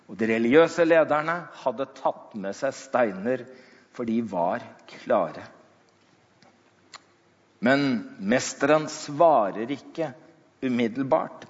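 A man preaching in a dramatic storytelling style, slowing down and dropping low for emphasis. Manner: slows down and drops low for emphasis. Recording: dull sound in a long-echo hall.

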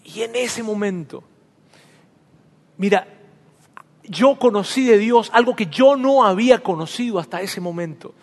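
A man's voice: high voice, unhurried, creaky, long pauses. A man preaching a sermon and telling his own story, speaking to the listener intimately as though in conversation. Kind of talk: sermon with personal testimony. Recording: long reverb of a large hall.

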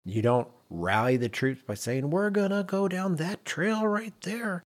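A podcast co-host talks conversationally about leadership, explaining his points with emphasis and rhetorical repetition. His high-pitched voice is expressive and unhurried.

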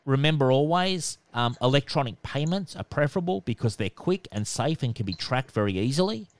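Nasal-voiced male expert, even and instructive, dry studio sound. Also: medium pitch, a little fast, no echo. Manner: calm, instructive, repeats "okay". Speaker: debt collection expert. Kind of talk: podcast interview answers.

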